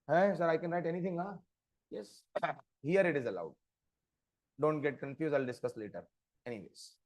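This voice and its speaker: A man giving an interactive programming lecture, often stopping to quiz his listeners with short check questions. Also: medium pitch. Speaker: programming instructor. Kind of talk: interactive live coding lecture.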